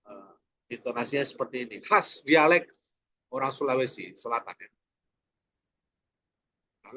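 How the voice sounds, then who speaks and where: Man, fairly high voice, online training lecture, rhetorical questions, lo-fi call audio. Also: a bit bright. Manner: rhetorical questions, frequent "ya" tags. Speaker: preacher training instructor.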